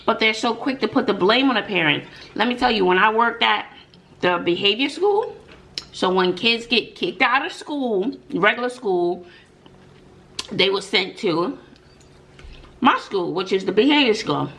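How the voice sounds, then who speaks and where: A woman's voice: medium pitch, animated, unhurried, long pauses, fairly bright tone. A middle-aged woman telling stories and opinions casually to viewers, emphatic, with rhetorical questions and frequent mm-mm interjections. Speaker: mukbang vlogger and middle school teacher telling stories. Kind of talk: casual story time and opinion talk to viewers.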